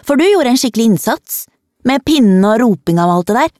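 A bold, teasing young schoolgirl who loves to surprise people, put on by a woman reading a storybook. She speaks brisk and sure of herself, in a raised, bright voice with a dark warm undertone. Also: a little high, animated, dry recording, clean studio sound, pitched above the performer's own voice, natural voice. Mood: self-assured.

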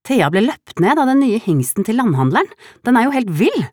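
A woman's voice: on the low side, animated, darkish tone, no room sound, clean studio sound, pitched above the performer's own voice, close to an everyday voice. A woman doing an anxious, urgent young woman. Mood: distraught. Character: worried young woman, foster mother.

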